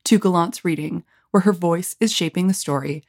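A woman with a slightly low voice narrates a podcast from a script. Her wording and delivery are formal and academic. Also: normal speed.

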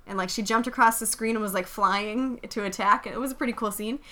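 A woman's voice: mid-range voice, quick pace, sharp tone. A woman co-hosting a podcast in casual chat, telling rambling stories and giggling often. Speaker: podcast co-host.

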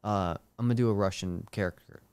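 Smooth-voiced man, crude casual banter. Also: on the low side, fast, a little mellow, dry recording. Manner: rambling, crude, joking. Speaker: stand-up comedian, podcast co-host.

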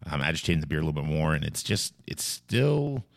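Very deep, gravelly male podcast host. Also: big pitch swings, fast, no echo, clean studio sound. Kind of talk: casual podcast talk.

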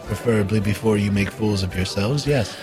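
A man's voice: lowish voice, fairly quick, music in the background, lightly acted. A man voicing a haughty female mayor who talks in a clipped, dismissive way. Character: haughty female town mayor, curt and disdainful.

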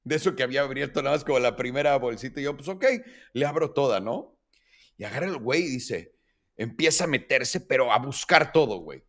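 A podcast host with a Mexican accent tells a long personal story on a casual podcast, acting out the voices of the people involved and swearing freely. He speaks at a medium pitch, fairly quickly, with a fairly bright tone.

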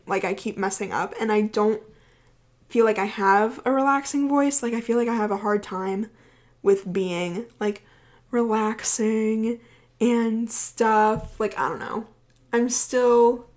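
Fast-talking woman podcast host. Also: medium pitch. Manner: fast-talking and rambling, with many fillers. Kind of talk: casual podcast chat.

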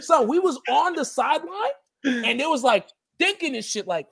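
A man with a strikingly high voice tells a rowdy, profane story in casual chat. He acts out every line the other people in the story said. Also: expressive, normal speed, gravelly, fairly bright tone. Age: adult. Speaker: podcast co-host telling a story.

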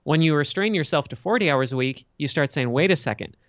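A man's voice: on the high side, animated, brisk, fairly bright tone, dry recording, dull audio. A middle-aged man, an entrepreneur guest on a podcast, telling his story candidly and reflectively, picking up energy when he makes a point. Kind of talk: candid storytelling interview answers.

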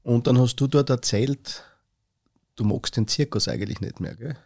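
A man's voice: medium pitch, moderate pace, vocal fry, darkish tone, husky. A man, the interviewer, prompting his guest with familiar, casual questions.

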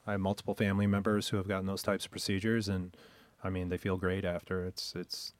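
A man with a very deep voice hosts an interview podcast. He talks casually and chattily, restarting his questions as he goes. The recording is dry and close. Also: flat delivery, fast talker, no echo. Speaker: podcast host. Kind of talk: interview conversation.

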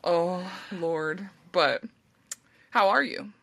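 A woman's voice: lowish voice, very slow, gravelly, fairly bright tone. A young woman co-hosting a podcast, giggling often and trading crude, playful banter in a casual chat. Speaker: podcast co-host.

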